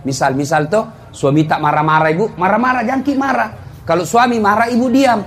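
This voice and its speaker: A man preaching a comic sermon to a live congregation, swinging between loud exclaiming and low confiding tones as he tells funny stories. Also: brisk. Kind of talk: comedic sermon.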